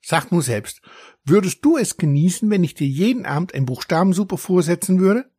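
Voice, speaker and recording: A man voicing a boastful young male dragon who tells his tales with indignant, lively gusto. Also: sits high, moderate pace, breathy edge, dry recording, studio quality, voice pushed up. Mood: indignant boasting.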